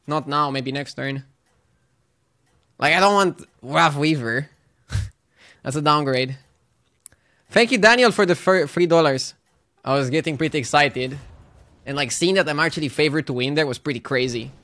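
A man's voice: fairly high pitch, normal speed, pauses often, sharp tone. Hyped, joking male game streamer. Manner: joking, hyped, chatty with viewers. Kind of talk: casual live gameplay commentary.

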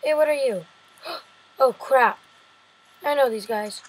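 A woman giving casual, excitable let's-play commentary, shouting at creatures in the game. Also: sits high, takes it slowly, a little hiss or hum, poor audio. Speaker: gameplay commentator.

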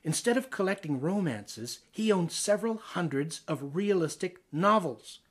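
A man from Ontario, Canada, performs poetry with theatrical flair in a voice a little high for a man, with a breathy edge. His pitch ranges lively, and he places each phrase deliberately, like an actor giving a dramatic reading.

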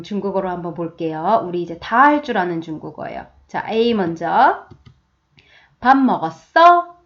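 Patient, lively woman teaching Chinese. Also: mid-range voice. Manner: slow, patient, checks in with "그쵸?" often; models phrases slowly for repetition. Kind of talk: beginner language lesson with drills. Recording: dull lo-fi audio.

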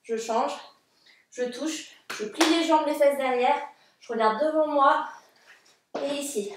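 A woman's voice: sits high, takes it slowly, a little hiss or hum. A woman in her thirties coaching a home workout, motivating with short commands and counts. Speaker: fitness coach. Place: living room, indoors. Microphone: distant camera microphone. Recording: echoey room, far from mic, music.

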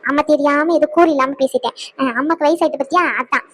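A woman's voice: high voice, fairly even intonation, fast talker, a bit bright, slight background noise. A woman voicing an older cartoon mother, pleading and coaxing her tearful daughter over the phone. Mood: self-blaming. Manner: pleading, coaxing, scolds herself. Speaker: cartoon voice actor. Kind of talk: cartoon skit voice acting.

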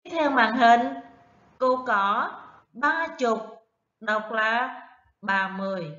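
Teaching first graders math online, this woman counts slowly and has the kids echo her numbers back. Her voice is on the high side with a sharp edge, and the audio is dull and echoey.

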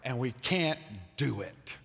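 An older man preaching a sermon as pastor, animated and moving about the stage in a large church auditorium. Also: mid-range voice, takes it slowly, gravelly. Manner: animated preacher, gesturing while pacing the stage. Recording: long reverb of a large sanctuary.

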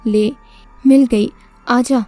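A woman's voice: on the high side, fairly even intonation, mellow, faint music behind, natural voice. A woman voicing a crude, drunken man who bullies and coaxes in a horror storybook. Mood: coaxing. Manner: coaxing, then bullying. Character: crude, drunken male debt collector, menacing.

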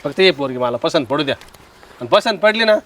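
An actor playing an eager, agreeable aging bachelor with a rural Marathi accent. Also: male voice, fairly high pitch, expressive, fairly quick, fairly bright tone. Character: eager middle-aged bachelor groom. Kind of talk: village comedy sketch.

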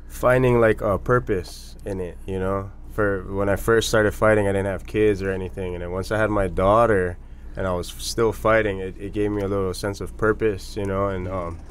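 Chill guy in his 30s, pretty low voice, easygoing podcast guest talk, little bit of hiss. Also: steady tone, normal speed. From born in Indonesia, raised on Maui, Hawaii. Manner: laid-back, laughs often, trails off softly. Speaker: guest, MMA fighter. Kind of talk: casual podcast interview. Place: podcast studio with red curtains. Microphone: headset and desk podcast mic.

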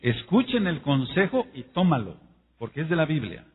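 Emphatic preacher in an echoey hall. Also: male voice, on the high side, very animated, breathy edge. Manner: emphatic, rising and falling, slows to spell out words. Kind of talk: sermon. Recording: echoey hall over a tinny phone-like line.

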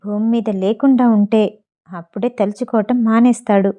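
A woman's voice: fairly high pitch, steady tone, normal speed, mellow, close to an everyday voice. A woman voicing a jealous, scheming young wife who sounds bitter and commanding.

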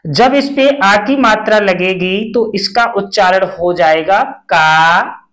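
A man teaching Hindi letters, reciting each syllable slowly and clearly as a classroom drill. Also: sits high. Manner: drawn-out syllable-by-syllable pronunciation drills.

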